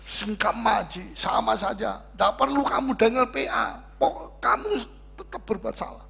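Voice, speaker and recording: A man's voice: sits high, moderate pace, vocal fry, a bit bright, husky, full character voice. A man voicing the devil as a tempter who tells a believer that his efforts are worthless. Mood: dismissive. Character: scheming devil taunting a believer.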